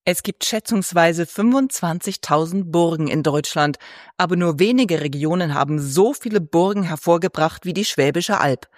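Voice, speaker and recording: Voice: medium pitch, normal speed, no echo. Audio guide narrator reading a script, formal, talks right to visitors, dry sound. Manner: formal, addressing visitors directly.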